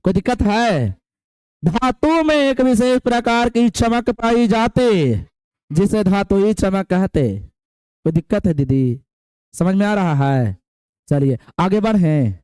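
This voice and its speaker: A young teacher in the middle of a class lesson, drilling definitions over and over and calling on students with homely, folksy asides. His voice sits high and comes out smooth and clear. It is recorded dry, with no echo from the room. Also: expressive, slow pace, darkish tone. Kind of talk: classroom lecture.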